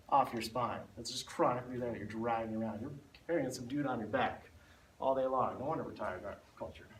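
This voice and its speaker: A man teaching a spinal stability class, explaining and demonstrating the exercises while a little out of breath. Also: medium pitch. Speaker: instructor. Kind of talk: fitness class instruction. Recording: echoey room, mic far off, faint noise.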